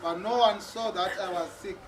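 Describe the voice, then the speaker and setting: High-voiced male church interpreter, distant. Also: normal speed. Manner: hesitant, repeats words. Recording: distant mic with noise.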